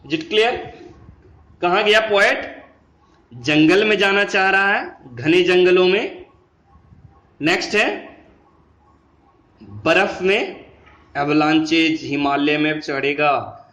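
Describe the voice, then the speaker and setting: A male teacher giving a lesson, explaining patiently and switching between Hindi and English, reading English lines slowly. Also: high voice, a bit bright, roomy sound. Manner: explains patiently, mixing Hindi and English, calls students "beta"; slows down and stretches words when reading English lines.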